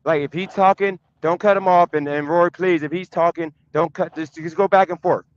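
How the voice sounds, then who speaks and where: A man's voice: on the high side, fairly even intonation, moderate pace, highs cut off, slight background noise. A man hosting a livestream, speaking off the cuff in a frustrated, insistent way and repeating himself as he makes his point. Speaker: livestream host. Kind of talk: unscripted address to guests.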